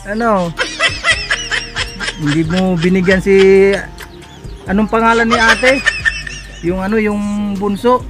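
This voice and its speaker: Male charity vlogger, unhurried, laughing coaxing manner, phone-filmed outdoors, music bed behind. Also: high voice, steady tone. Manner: chatty, coaxing, often laughing. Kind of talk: casual on-location vlog talk. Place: outdoors at a house in the rain. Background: background music.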